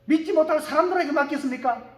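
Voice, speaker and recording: A male pastor delivers a sermon in a very high voice, dropping to quiet asides and then rising to shouted declarations. He keeps calling for amens from the congregation. The sound rings around an echoey church sanctuary. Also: fast. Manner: calls for amen from the congregation.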